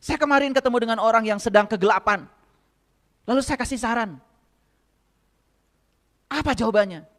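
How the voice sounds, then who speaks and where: A man's voice: very high-pitched, moderate pace, pauses often, fairly bright tone. A man with a light tinge giving a sermon, pressing the congregation with rhetorical questions. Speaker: spiritual teacher. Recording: long hall reverb.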